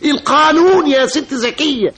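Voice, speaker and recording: An actor playing a smooth-talking Egyptian fixer who flatters and stammers when cornered. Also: male voice, very high voice, normal speed. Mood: coaxing.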